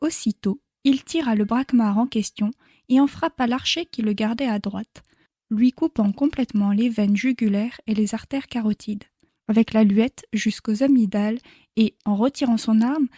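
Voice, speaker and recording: A woman reading a classic novel chapter as an audiobook narrator in a measured, clear way. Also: on the high side, dark tone, dry recording, clean studio sound.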